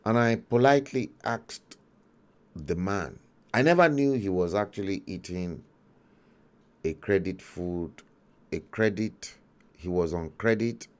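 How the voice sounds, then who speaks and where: A deep-voiced, middle-aged Nigerian man with a Nigerian accent, a talk show host, tells a story in an emphatic livestream monologue punctuated by dramatic pauses.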